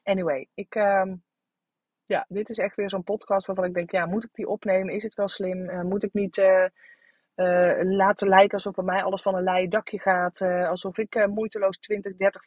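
In a candid solo podcast monologue, a woman in her thirties coaches her listeners frankly, swearing casually and filling her talk with fillers and restarts. Her mid-range, slightly rough voice has a flat delivery at a moderate pace. There's no room sound and the highs are cut off.

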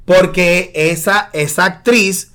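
A man's voice: high-pitched, slow pace. A man, hosting a casual podcast chat and switching between Spanish and English. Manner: animated, mixes Spanish and English. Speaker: podcast host.

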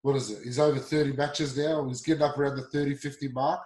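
A man's voice: mid-range voice, steady tone, quick pace, darkish tone, roomy sound, rough recording. A man hosting a sports talk show, blunt and swearing freely as he rants. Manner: blunt, swearing, heated ranting.

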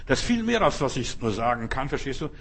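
A man preaching a sermon, telling a story and then urging listeners forcefully, often repeating himself. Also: medium pitch, big pitch swings, quick pace, breathy edge. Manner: storytelling, then forceful exhortation with bursts of emphasis; restarts and repeats words often, asks "verstehst du?".

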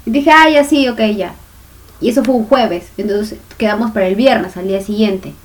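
A young woman co-hosting a chatty podcast, telling stories with teasing, animated delivery. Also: medium pitch, normal speed. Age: young adult. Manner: teasing, animated storyteller, acts out quotes. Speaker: podcast co-host. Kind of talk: casual chat between friends.

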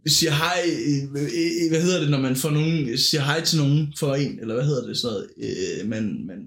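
A man's voice: fairly high pitch, a bit bright, roomy sound. A man hosting a podcast, telling a long, rambling story in casual chat and often searching for words. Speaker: podcast host.

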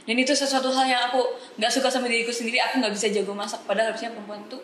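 Young woman guest, relaxed, a touch high, laughs easily, roomy sound with faint noise. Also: very fast. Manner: relaxed, laughing, puts on British phrases. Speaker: guest, daughter of the host. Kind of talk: casual chat.

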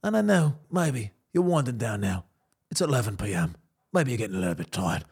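A man voicing a polite British gentleman with a British accent, husky and lively. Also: medium pitch, voice pushed down, full character voice. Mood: soothing. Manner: mock-polite, slow and soothing. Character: suave British gentleman murder suspect, polite.

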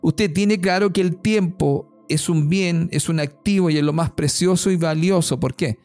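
A man's voice: on the high side, moderate pace, darkish tone, soft background music. A man giving motivational advice in a podcast chat, preaching and calling the listener "amigo" again and again.

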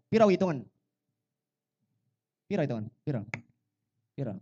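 A man's voice: on the high side, big pitch swings, normal speed, warm tone, dull audio. A man with a Javanese accent emceeing a live music night in a coffee shop, teasing his co-host and mixing formal announcements with banter. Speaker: event MC. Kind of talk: joking live event banter.

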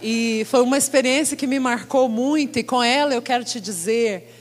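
A woman preacher giving a sermon, telling a personal testimony with animated storytelling and acted-out dialogue. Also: on the high side, moderate pace, slight background noise. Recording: long hall reverb.

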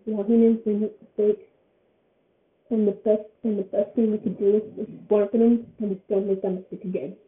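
A woman's voice: mid-range voice, level tone, brisk. An eighteen-year-old woman giving her opinion in a casual vlog, rambling and often repeating her phrases. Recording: tinny phone-like sound.

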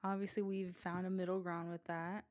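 A young woman with a fairly low voice chats loosely on a podcast, full of "like" fillers and quick asides. She is coughing and breathing hard into the mic. The sound is close and dry. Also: level tone, a little mellow, no echo. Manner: chatty, fillers like "like", laughs often. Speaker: podcast co-host. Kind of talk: casual chat.

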